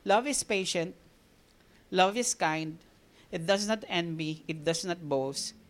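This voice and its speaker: A woman with a Filipino accent preaching a sermon. She mixes Tagalog and English and tells animated stories, often laughing at herself. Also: on the low side, takes it slowly.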